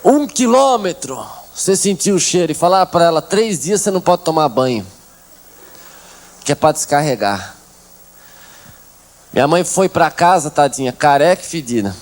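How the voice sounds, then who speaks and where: Lively man telling a comic testimony. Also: a little high, normal speed, pauses often. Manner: animated storytelling with comic quotes of others. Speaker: testimony speaker. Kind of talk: humorous church testimony. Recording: 1990s.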